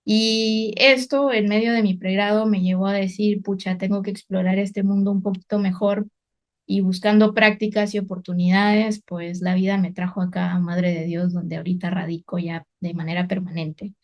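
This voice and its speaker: A woman's voice: mid-range voice, flat delivery, normal speed. Woman, 30s, from Guatemala, environmental researcher; mid-range voice, reflective and unscripted, full of hesitations. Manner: reflective, many fillers and restarts. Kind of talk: personal career story, unscripted.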